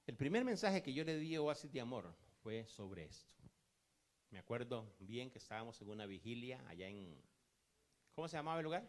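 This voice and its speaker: A male pastor preaching a sermon in a calm storytelling way, acting out the lines of the people in his stories. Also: mid-range voice, brisk.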